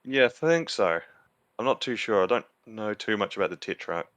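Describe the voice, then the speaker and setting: Male podcast presenter, informal explainer, smooth and bright, dry sound. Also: fairly low pitch, animated, moderate pace, no echo. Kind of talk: casual explanatory chat.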